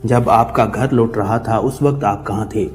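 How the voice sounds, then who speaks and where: A man's voice: on the low side, fairly even intonation, lightly acted. A man voicing a grieving noblewoman pleading in sorrow. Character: grieving noblewoman guarding her slain brother. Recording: long reverb with background music.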